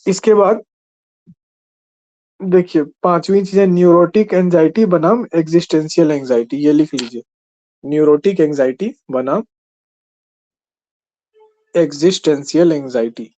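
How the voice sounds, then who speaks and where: A man's voice: a little high, measured pace, long pauses, dark tone, muffled recording. A man teaching an exam-prep class in a conversational way, often checking in with his listeners. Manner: conversational, keeps asking "ठीक है?".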